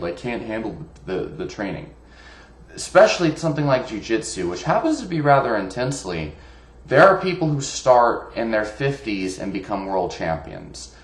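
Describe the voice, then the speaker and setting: A man talking casually about fitness in a rambling way, with many fillers and restarts. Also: medium pitch. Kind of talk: casual monologue. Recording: echoey room.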